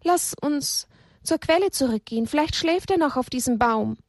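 Woman reading a young loyal friend, earnest and determined, higher voice. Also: expressive, moderate pace, no room sound, studio quality. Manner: earnest, coaxing.

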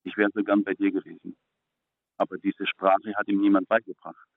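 A middle-aged man giving an earnest personal faith testimony as a guest, speaking haltingly and repeating words when moved. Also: low-pitched, level tone, gravelly, no room sound. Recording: phone-like, narrow and dry.

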